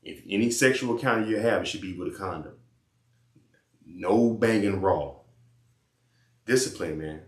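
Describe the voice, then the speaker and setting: Deep-voiced man lecturing bluntly in an echoey room. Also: moderate pace, pauses often. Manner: blunt, repetitive, slangy, preachy. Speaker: vlogger giving life advice. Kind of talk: casual advice monologue and phone chat.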